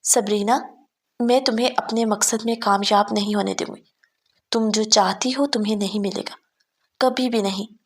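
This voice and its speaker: A woman's voice: mid-range voice, steady tone, close to an everyday voice. A woman voicing a jealous, scornful young woman. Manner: scornful, cutting.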